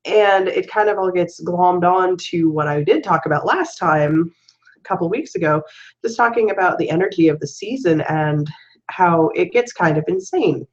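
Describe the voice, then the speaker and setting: A woman's voice: lowish voice, animated, moderate pace, lo-fi sound. A young woman with a stuffy nose from a cold, hosting her weekly spiritual show and talking casually from home, rambling with many fillers and restarts. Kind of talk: casual spoken vlog. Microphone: webcam.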